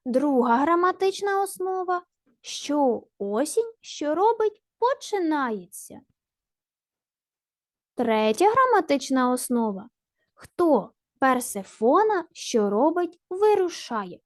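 A woman's voice: high voice, sing-song, slow pace, no room sound, studio quality. A woman teacher giving a primary school language lesson, patient and encouraging, asking questions and answering them herself. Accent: Ukrainian.

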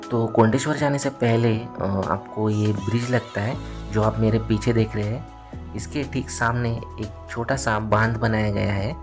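A young travel vlogger narrates his trip outdoors along rural roads and past waterfalls and a dam, guiding viewers as he goes. His voice is on the low side and steady, at a measured pace, over music.

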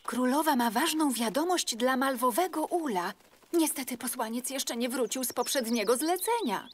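A woman voicing a prim, polite grown-up female bee in charge, formal and measured, in a children's cartoon. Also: sits high, animated, slight background noise. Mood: courteous. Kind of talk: animated children's cartoon dubbing.

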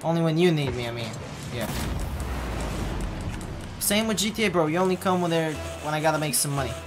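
A young male streamer talks fairly quickly in a casual live-stream while gaming at his home desk. Wearing a headset, he's blunt and mumbles low asides back at chat, with loud game music underneath.

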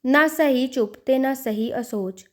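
A woman's voice: sits high, measured pace. A woman voicing an anguished devout man. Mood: self-urging. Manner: self-reproaching, pleading inner monologue. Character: anguished devout man scolding his own restless mind.

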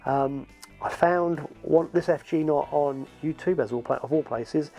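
Gravelly English man explaining fishing gear. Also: on the high side, unhurried, soft background music. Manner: relaxed, chatty, explaining with hand gestures. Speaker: fishing channel host. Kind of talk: casual gear tutorial to camera. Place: small indoor home studio with shelves.

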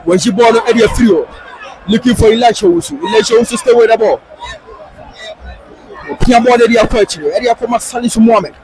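A man with a Ghanaian accent giving live football commentary, excitable and sing-song, rising into shouts on attacks. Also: very high-pitched, fairly quick, pauses often, crowd noise, poor audio. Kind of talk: live match commentary mixing English and Twi.

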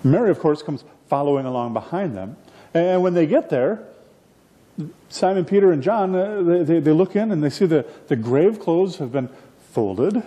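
A middle-aged man preaching a sermon from a church platform, expressive and gesturing, often restarting his phrases. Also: on the high side, normal speed. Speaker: pastor. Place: church platform indoors, livestreamed.

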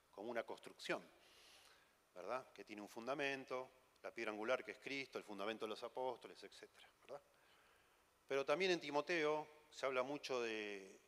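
A man's lowish, fairly bright voice carries an Argentine Spanish accent as he preaches a conference sermon, teasing and conversational, built on rhetorical questions. Long hall reverb marks the recording.

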